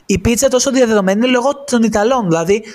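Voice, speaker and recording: A man's voice: extremely high pitch, a little mellow. A man co-hosting a podcast, chatting casually and eagerly, mixing in English phrases. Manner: enthusiastic, tosses in English phrases. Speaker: podcast co-host. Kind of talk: casual chat.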